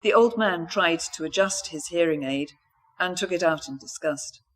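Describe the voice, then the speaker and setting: A woman's voice: lowish voice, moderate pace. Woman author reading her novel aloud.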